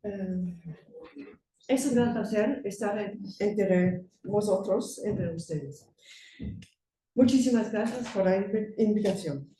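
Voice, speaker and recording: A woman with a German accent reads an academic paper in a very soft, dark tone. Her delivery is careful and a little halting. She is picked up from a distance in an echoey room with faint noise. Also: medium pitch. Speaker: conference speaker. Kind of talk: scripted academic paper read aloud. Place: conference room.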